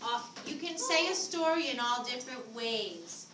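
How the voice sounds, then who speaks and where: A woman's voice: a little high, expressive, normal speed. A woman teaching a class as a visiting teacher, patiently prompting students to repeat her words, in a school classroom. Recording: echoey classroom from far off, noisy.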